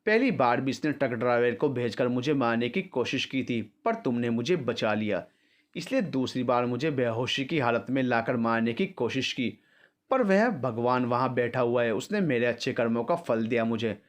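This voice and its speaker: A man voicing an angry young man who shouts accusations at his enemy in a storybook tale. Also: medium pitch, expressive, moderate pace, natural voice. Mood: angry, accusing.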